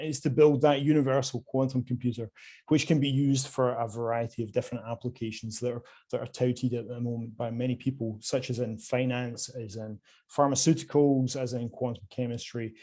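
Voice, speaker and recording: Presenting his company to an online conference by video call, this sales director has a Scottish accent and a mid-range, dark-toned voice. He stays polite but hesitates frequently, leaning on fillers.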